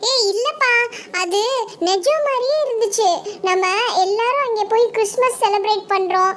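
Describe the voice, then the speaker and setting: Woman voicing a squeaky panicky schoolgirl doll. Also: moderate pace, a bit bright. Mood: bewildered. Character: frightened schoolgirl doll Mini. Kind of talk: doll story voice acting.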